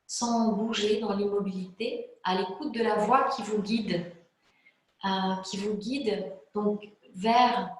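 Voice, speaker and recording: A woman yoga teacher calmly explaining a guided relaxation method, pausing often with hesitant fillers. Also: medium pitch. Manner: calm, slow, hesitant with frequent fillers. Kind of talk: spoken yoga class introduction. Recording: very echoey room.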